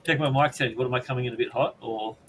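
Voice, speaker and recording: An Australian man hosts a live podcast in a relaxed, crude and deadpan way. He reads out chat messages and tosses off jokes. Faint background noise sits under his voice. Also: mid-range voice, rapid-fire. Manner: crude joking, deadpan asides. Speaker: podcast host. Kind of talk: casual live-stream chat, reading chat messages.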